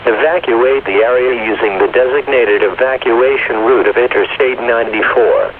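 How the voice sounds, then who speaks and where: A man reading an automated emergency alert in a flat, formal manner, heard as a hissy AM radio broadcast. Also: medium pitch, normal speed, narrow, tinny audio. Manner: flat, even, formal announcement.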